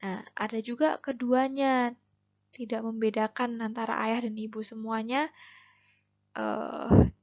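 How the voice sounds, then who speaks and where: Javanese lady teacher, kinda high voice, patient, asks the kids stuff, muffled lo-fi sound. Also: little pitch movement, measured pace, pauses often, darkish tone. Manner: explains patiently, addresses students directly with questions. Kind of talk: classroom lesson video. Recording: dull lo-fi recording.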